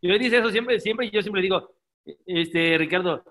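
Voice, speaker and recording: A man's voice: high-pitched, moderate pace, fairly bright tone. A man, a former footballer telling jokey anecdotes as a podcast guest. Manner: jokey, laughs while telling, imitates teammates. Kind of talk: casual storytelling, anecdotes.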